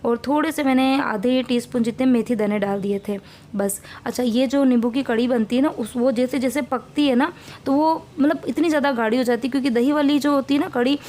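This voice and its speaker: Woman in her 30s, home vlogger, mellow, slightly high, talkative. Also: steady tone, brisk. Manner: chatty, rambling, homely cooking talk. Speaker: family vlogger. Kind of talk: casual vlog narration.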